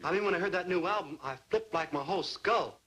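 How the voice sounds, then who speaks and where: An actor playing a naive, laid-back young beatnik in an old TV sitcom, talking in hip slang peppered with "like". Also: male voice, sits high, fast, fairly bright tone, breathy edge. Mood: earnest. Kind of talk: 1950s-60s TV sitcom acting. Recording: old TV soundtrack with audience noise.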